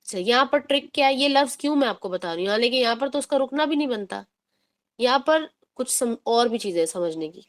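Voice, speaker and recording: A woman teaching a tajweed lesson, explaining patiently, mixing in English words and drawing out recited words slowly to demonstrate. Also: fairly high pitch, lively intonation. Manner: mixes English words into her talk.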